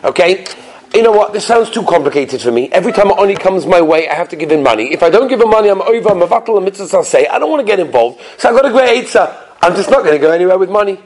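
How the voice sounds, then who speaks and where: A rabbi with a Yiddish-influenced American accent teaches an animated religious class full of rhetorical questions, using a sing-song questioning style and emphatic repetition. His voice is high-pitched, expressive, racing and a little mellow.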